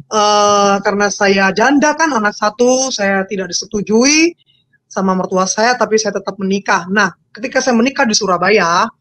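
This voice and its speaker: Her emotional account, given during an interview, is full of repeated phrases and broad pitch swings. The recording is dry, and her tone leans a little bright.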